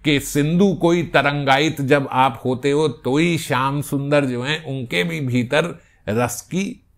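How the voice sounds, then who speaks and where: A man giving a devotional scripture discourse, explaining a story and reciting verses slowly. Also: a little high. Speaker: spiritual discourse speaker.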